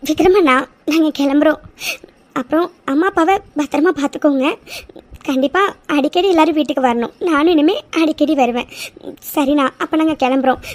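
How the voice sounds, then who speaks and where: A woman's voice: high voice, a little fast, natural voice. A woman playing an emotional young wife. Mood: grateful. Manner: emotional, warm thanks to family. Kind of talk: cartoon drama voice acting.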